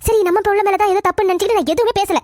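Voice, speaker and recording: A woman voicing a quarrelsome, defensive middle-aged mother in a cartoon family drama, talking fast and pleading. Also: fairly even intonation, dry recording, studio quality. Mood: aggrieved. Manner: rapid, shrill, pleading and quarrelsome.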